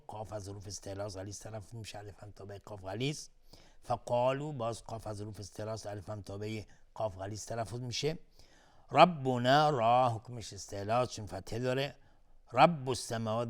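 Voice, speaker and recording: A man with a Persian accent teaching Quran recitation rules, switching between calm explanation and slow, loud chanting of verses. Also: lowish voice. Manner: explains rules plainly, then chants verses slowly and loudly. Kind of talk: tajwid lesson with chanted recitation.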